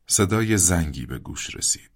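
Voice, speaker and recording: A man narrating a satirical story in a mock-formal tone with hushed asides. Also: low-pitched, expressive.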